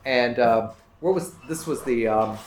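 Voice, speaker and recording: A man's voice: medium pitch, a little slow, darkish tone. Man, club presenter, casual slideshow talk, rambling, self-correcting, roomy echo. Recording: roomy room echo, faint background noise.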